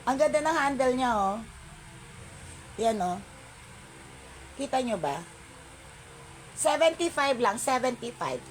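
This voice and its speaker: Woman live-seller host, high-pitched and unhurried, chatty with viewers, mixes in English. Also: very animated, slight background noise. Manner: chatty, greets viewers by name, calls out item codes and prices; mixes English into her talk. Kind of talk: live-selling stream chat.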